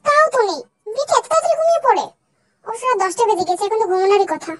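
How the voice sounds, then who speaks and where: Girl voicing a shy jittery college girl, stammers a lot, super high voice, bit of hiss. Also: big pitch swings, racing. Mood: worried. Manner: stammering, flustered. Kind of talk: fan dub voice acting.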